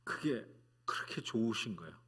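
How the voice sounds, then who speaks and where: Man preaching, low voice, conversational storytelling, hushed then fervent prayer. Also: lively intonation, moderate pace, breathy edge. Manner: conversational storytelling, swings between soft hushed passages and loud fervent prayer. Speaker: pastor. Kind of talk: sermon at a midweek prayer service.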